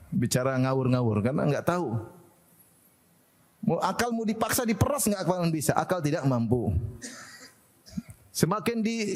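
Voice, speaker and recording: A man's voice: a little high, darkish tone, in a large hall. A man giving a religious lecture, laughing often and asking his listeners rhetorical questions. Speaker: Islamic preacher.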